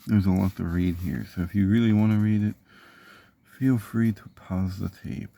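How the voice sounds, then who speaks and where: A man's voice: deep voice, fairly even intonation, normal speed, vocal fry, mellow. A man hosting a casual unboxing video, rambling with dry, sarcastic asides about the product. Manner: rambling, with fillers and self-corrections. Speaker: host of a product unboxing show.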